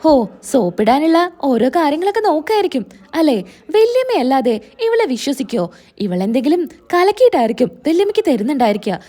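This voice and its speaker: A woman's voice: sits high, very animated, brisk, dark tone. A woman voicing a scheming, jealous young niece who sneers and complains. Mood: scornful.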